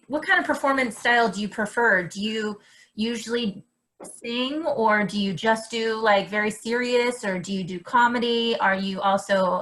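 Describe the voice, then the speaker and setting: A woman's voice: fairly high pitch, a bit bright, rough recording. A woman moderating an online workshop, asking a question in a friendly, curious way over a video call. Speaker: session moderator.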